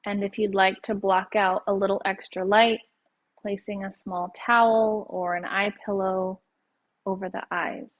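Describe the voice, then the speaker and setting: Speaking with a medium pitch and a flat delivery, a woman leads a yoga nidra meditation, calm and unhurried, her phrases trailing off gently. The recording sounds muffled.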